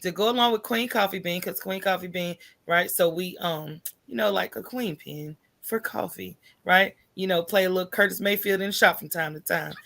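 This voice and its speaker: A middle-aged American woman, a coffee shop owner guesting on an interview, talks at normal speed with few pauses in a lowish voice touched by vocal fry. She tells her stories with energy, performing her inner thoughts and often adding "right?".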